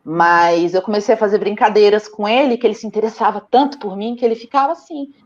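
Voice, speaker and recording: A woman's voice: medium pitch, quick pace, highs cut off. A young Brazilian woman with a Brazilian Portuguese accent, a mother talking casually in an interview and telling stories with animation and frequent laughter. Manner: animated storytelling, laughs often.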